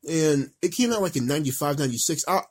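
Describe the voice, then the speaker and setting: Guy in his 30s doing an emphatic rant vlog, deliberate, repeats himself, old flip phone call kind of audio. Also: fairly high pitch, expressive, slightly rough. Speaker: vlogger. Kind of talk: casual rant monologue. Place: office.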